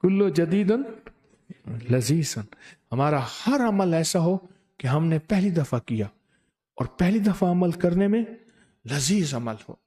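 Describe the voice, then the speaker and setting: A middle-aged man preaching at a dawn gathering, telling lively stories and slowing into chanted prayer. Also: fairly high pitch. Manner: storytelling, animated, breaks into slow recitation. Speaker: spiritual teacher. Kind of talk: devotional sermon with chanted prayer.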